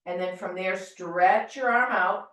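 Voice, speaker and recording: A middle-aged American woman leading a yoga class, calmly and gently cueing breath and movement. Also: medium pitch, measured pace. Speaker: yoga teacher. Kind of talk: guided yoga class instruction. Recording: very echoey room, voice from far off.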